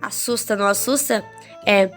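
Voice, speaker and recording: Expressive Brazilian woman teaching a course. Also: medium pitch, moderate pace, faint music behind. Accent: Brazilian Portuguese. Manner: expressive, addresses the viewer directly with frequent "tá?" and "né?"; demonstrates varied, theatrical intonation. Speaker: children's ministry teacher. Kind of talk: online course lesson.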